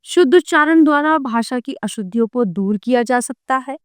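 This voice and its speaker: Woman, teacher, slightly high voice, dry close recording, repeats each word twice. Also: expressive, normal speed, clean tone, no echo. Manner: addresses children warmly with set greetings. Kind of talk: classroom video lesson.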